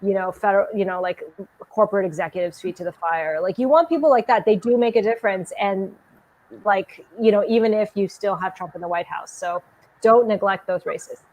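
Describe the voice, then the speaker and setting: A woman's voice: mid-range voice, brisk, darkish tone, poor audio. A woman podcaster talking emphatically and chattily, with many likes, in a casual discussion over a video call.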